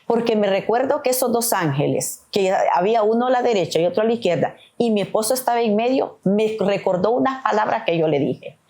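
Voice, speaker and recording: A woman's voice: mid-range voice, animated, a little fast, hardly any pauses, warm tone. A middle-aged woman, a podcast guest, giving an earnest, emotional testimony of faith, often calling the host "papá".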